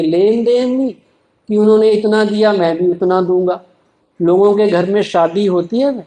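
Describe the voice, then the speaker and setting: A man's voice: high-pitched, mellow, reverberant, rough recording. A man giving a motivational spiritual talk to a live audience, often asking rhetorical questions and answering them himself. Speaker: spiritual speaker.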